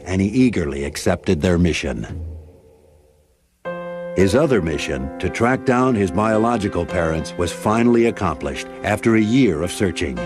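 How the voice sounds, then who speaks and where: A man narrating a documentary in a measured, grave storytelling manner. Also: fairly low pitch. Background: music bed.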